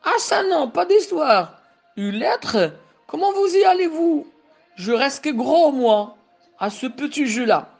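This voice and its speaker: A blunt, grumbling prison guard who looks out only for himself, read by a woman. His lines come at a slow, fairly high pitch. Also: lively intonation, vocal fry, a little mellow, soft background music, exaggerated voice. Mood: refusing. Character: gruff, self-serving male prison guard.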